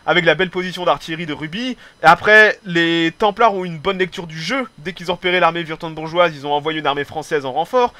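A man casually commentating a strategy game replay, excitable, swearing freely and tagging his sentences with little filler words. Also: a little high, fast, hardly any pauses, no echo. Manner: excitable, swears casually, peppers speech with "hein"; hesitant restarts and repeated words.

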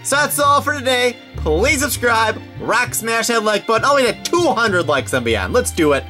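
A man hosting a card unboxing in casual commentary, with an animated, sing-song way of calling out items. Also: extremely high pitch, normal speed, faint music behind. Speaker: host of a trading card unboxing channel. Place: indoors at a tabletop set.

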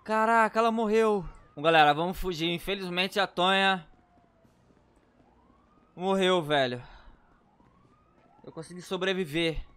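A man with a Brazilian accent giving excitable gameplay commentary, often shouting and using slang. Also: high-pitched, measured pace, pauses often, clear, resonant tone. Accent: Brazilian Portuguese. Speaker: gameplay youtuber.

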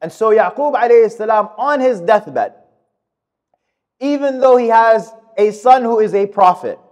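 A man in his thirties delivering a Friday sermon in a mosque, speaking at a podium microphone in a measured, emphatic way. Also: sits high, a little mellow. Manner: measured, emphatic delivery with fast recited Arabic verses. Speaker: khutbah speaker. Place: mosque prayer hall, indoors. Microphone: gooseneck podium mic.

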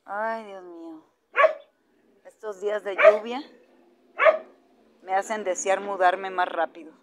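A woman's voice: mid-range voice, fairly even intonation, slow pace, heavy background noise. A woman, vlogging in her outdoor dog yard, cooing at and scolding her dogs, then grumbling to the camera. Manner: coos and scolds dogs in a raised voice, grumbles aside. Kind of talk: casual vlog talk.

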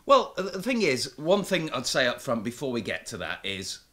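A man's voice: mid-range voice, huge pitch swings, normal speed, a bit bright. A man co-hosting a magic product review, chatting casually and explaining a trick step by step as he handles it. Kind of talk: casual review chat while demonstrating a trick.

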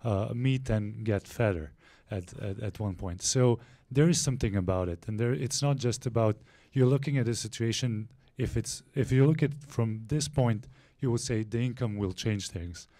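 A man in his thirties from Serbia with a Serbian accent, asking a halting question into a handheld mic at a panel forum. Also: fairly low pitch, warm tone, no echo. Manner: halting, many restarts. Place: lecture room with audience.

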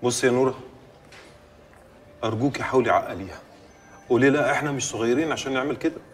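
A man's voice: mid-range voice, rapid-fire, recorded from a distance, slight background noise, natural voice. A man with an Egyptian accent playing an exasperated young newlywed husband in a film drama. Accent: Egyptian Arabic. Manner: pleading, then bursts out in frustration. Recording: film soundtrack with music under dialogue.

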